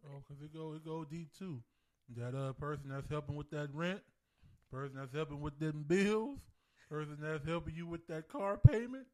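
A man's voice: fairly high pitch, normal speed, a little mellow. A man chatting casually as a co-host, with slightly slurred, thick-tongued underbite speech, correcting himself and repeating phrases as he goes. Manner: rambling, self-correcting, repeats phrases for emphasis. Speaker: co-host of a relationship talk show with his wife. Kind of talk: casual relationship chat.

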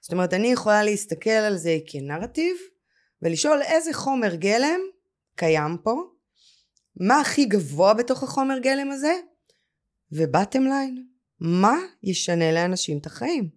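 A woman who coaches personal storytelling, talking as a podcast guest in an intense, heartfelt way and slowing down to stress her points. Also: medium pitch, sing-song. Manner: emphatic, slows down to stress words. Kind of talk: emotional podcast conversation.

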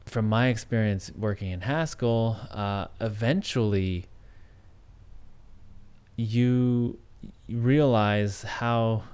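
A solo podcast host whose first language is English muses hesitantly, with lots of restarts and fillers. He has a lowish, slightly mellow voice that comes across clear and resonant.

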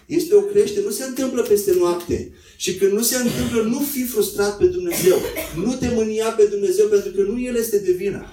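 High-voiced man preaching in an echoey room. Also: mellow, distant mic. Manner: conversational, acts out quotes in a higher voice. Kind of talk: sermon.

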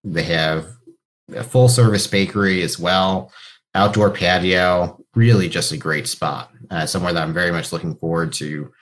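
A man's voice: low-pitched, normal speed, a bit bright. A man speaking casually as a founder being interviewed on a podcast. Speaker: podcast guest, company founder.

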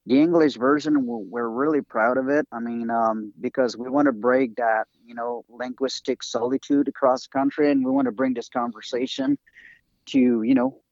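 French-accented man, native French, interview guest, halting delivery full of "uh"s, dry dull lo-fi recording. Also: medium pitch, steady tone, darkish tone, no room sound. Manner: halting, many fillers and restarts. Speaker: guest researcher and author. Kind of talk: interview talk over a call.

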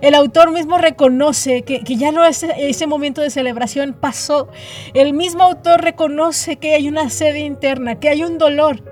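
A woman's voice: high voice, fairly even intonation, normal speed, a little mellow, soft background music. A middle-aged woman preaching a devotional sermon, earnest and emphatic, often repeating words as she builds a point.

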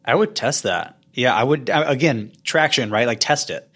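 A man's voice: medium pitch, normal speed, fairly bright tone, breathy edge. A man co-hosting a podcast in casual business chat, informal and often voicing little imagined exchanges. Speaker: podcast co-host.

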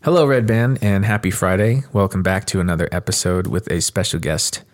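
Telling casual, sweary stories on his podcast, the male host speaks fairly quickly with a low-pitched voice in a loose, conversational manner.

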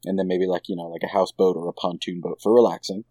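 A man with a very deep voice chats loosely with a group of friends, wandering through his ideas with plenty of fillers. The sound is dry and close. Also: quick pace, no echo. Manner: relaxed, rambling with many fillers. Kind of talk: casual group chat.

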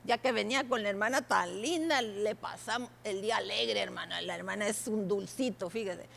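A woman pastor preaching a sermon, speaking animatedly and directly to the congregation, at times breaking into shouts. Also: mid-range voice, moderate pace, creaky. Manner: animated, addresses listeners directly, bursts into shouts.

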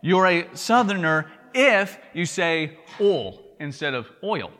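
A man's voice: fairly high pitch, animated, measured pace, sharp tone, big-room sound. A man from Tennessee with a Southern accent, preaching a sermon in an earnest way, often repeating words and asking "right?". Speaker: pastor.

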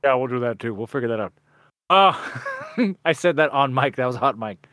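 A man playing a tabletop role-playing game, chatting excitably and laughing often. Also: mid-range voice, moderate pace, no echo, studio quality. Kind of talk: casual chat.

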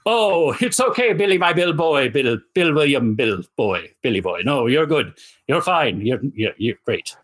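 A man playing a jolly, chatty, good-natured Santa Claus in a rambling, effusive interview chat with a husky voice. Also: mid-range voice, sing-song, unhurried, a bit bright. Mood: jolly, playful. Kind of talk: improvised in-character interview chat.

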